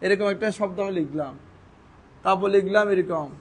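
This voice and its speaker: High-voiced teacher breaking words. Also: male voice, slightly rough. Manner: asks questions and answers them himself, repeats words slowly syllable by syllable; speaks in an informal classroom way. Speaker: English grammar teacher. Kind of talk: classroom-style grammar lesson.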